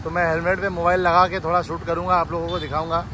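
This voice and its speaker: A family vlogger talks chattily to his viewers while riding a motorbike through traffic outdoors, and later at home, constantly addressing them. He films on a phone camera held close to his face, and his slightly high voice, with little pitch movement, comes quickly against a noisy background.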